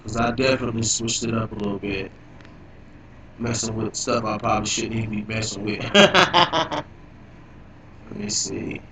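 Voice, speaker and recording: Live host, man, clangy robot-glitched voice, bright and sharp tone, heard from a distance in a very echoey room. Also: lowish voice, normal speed, gravelly, long pauses, a little hiss or hum. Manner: loose, profane, repeats himself a lot. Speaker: livestream host. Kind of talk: casual live stream chat.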